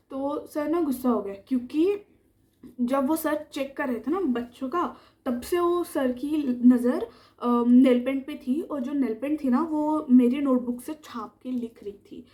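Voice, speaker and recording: A young woman chattily telling a school story as a vlogger, animatedly acting out what people said. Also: sits high. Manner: chatty, animated retelling that acts out the quoted lines. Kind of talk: casual storytime narration.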